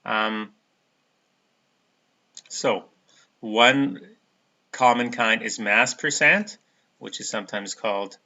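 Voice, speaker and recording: Male lecturer, low and bright-toned, casual halting delivery; dull lo-fi recording. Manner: casual, halting, many fillers. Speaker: chemistry lecturer.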